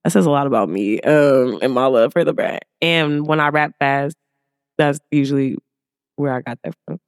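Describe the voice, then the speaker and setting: A woman's voice: very deep voice, moderate pace, no echo. Woman, Bay Area American accent, slangy, easygoing podcast guest, dry studio-like sound. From Oakland, California. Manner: laid-back, slangy. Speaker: podcast guest, music artist. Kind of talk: casual chat.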